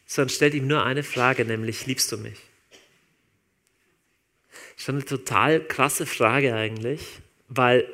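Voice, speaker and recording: A man preaching a sermon in a relaxed, informal way, talking straight to his listeners. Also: medium pitch, unhurried. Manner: conversational, informal, addresses listeners directly.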